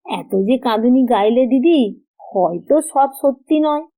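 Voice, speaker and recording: A woman narrator voicing a gentle, modest young man who speaks softly to his elder sister. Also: on the high side, expressive, moderate pace, rough recording. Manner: soft, modest.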